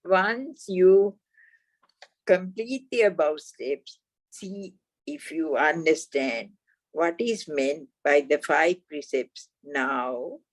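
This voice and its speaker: A woman reads Buddhist practice instructions at a very slow, careful pace. Her voice sits a little low, and the recording is dry and close. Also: expressive, no echo, poor audio. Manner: slow, deliberate, measured reading. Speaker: Dhamma reader.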